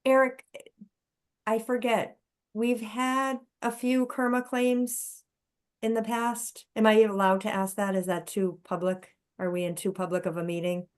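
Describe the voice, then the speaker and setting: A woman's voice: on the high side, little pitch movement, a little slow, smooth. A woman speaking casually as a board member, commenting and asking questions in a meeting.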